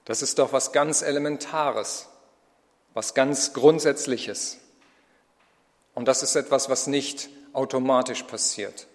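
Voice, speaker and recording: A man's voice: medium pitch, fairly even intonation, slow, long reverb tail. A man preaching a reflective sermon in a personal tone, with rhetorical questions.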